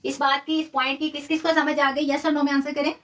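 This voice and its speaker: A woman with a high, fairly bright voice and level tone leads a live online tajweed lesson. She patiently repeats each term, draws out example sounds slowly, and mixes English words into her explanations.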